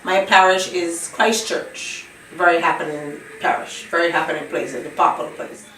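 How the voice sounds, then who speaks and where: A Barbadian woman in her fifties, with a Barbadian accent, answers questions in a casual documentary interview. Her lowish voice is steady and sharp at a normal pace. The roomy recording has a distant microphone, slight background noise, and music playing behind her.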